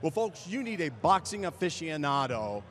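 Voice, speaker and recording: High-voiced American male boxing host. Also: very animated, normal speed, a bit bright. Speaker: sports broadcast host. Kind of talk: live boxing broadcast presenting. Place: large arena atrium.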